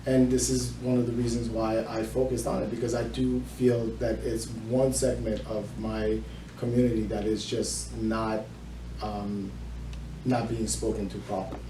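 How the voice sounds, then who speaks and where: A middle-aged man, a mortgage loan officer, explains his work as an interview guest before a small audience in an indoor room. His voice is lowish and level at a moderate pace. The room is echoey, the mic distant, with faint noise.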